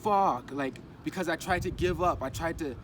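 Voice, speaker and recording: A man vlogging outdoors and telling his story in a loose, rambling, animated way, slipping into other people's voices as he goes. His voice sits a little high for a man. Steady traffic noise from the street runs clearly behind him. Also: fairly quick. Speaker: crypto vlogger. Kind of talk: casual storytelling vlog.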